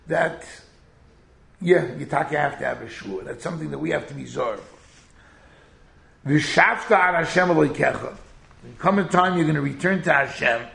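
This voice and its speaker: A man with a Yiddish-inflected American accent gives an informal sermon as a rabbi, telling stories in an animated way and sprinkling in Hebrew and Yiddish words. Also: on the high side, gravelly, echoey room. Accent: Yiddish-inflected American English. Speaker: rabbi giving a Torah talk.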